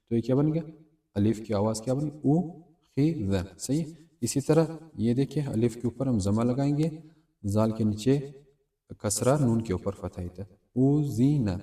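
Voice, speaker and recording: Patient man teaching letters, dark voice. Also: medium pitch, far from the mic. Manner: patient, asks and answers his own questions. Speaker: Quran recitation teacher. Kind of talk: step-by-step reading lesson.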